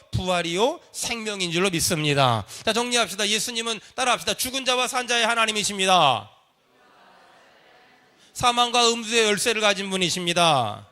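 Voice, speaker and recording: Bright, high-voiced preacher leading a congregation. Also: male voice. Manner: leads the congregation in call and response. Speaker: pastor. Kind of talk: sermon. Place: church sanctuary.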